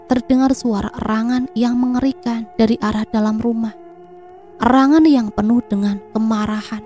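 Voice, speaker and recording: A woman narrating a first-person horror story with a steady, somber delivery. Her voice sits a little high, yet its tone is dark and mellow. Faint music plays behind her. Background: faint background music.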